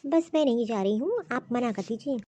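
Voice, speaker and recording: Selfish young wife from a cartoon story, stubborn and insistent in every line, with a woman acting her out. Her voice is high-pitched but mellow in tone. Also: lively intonation, brisk.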